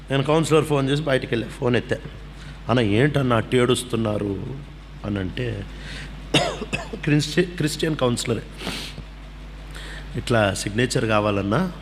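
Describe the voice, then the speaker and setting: A man preaching a testimony, telling the story in an animated way and acting out the voices of the people in it. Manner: animated storyteller, acts out dialogue, pitch swings widely. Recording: long hall reverb with faint background hum.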